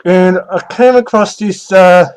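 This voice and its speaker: A young man with a slightly high but somewhat dark, clean-toned voice takes viewer questions in a relaxed, unscripted, vlogger-like way. He goes slowly and falters often, pausing partway through his sentences.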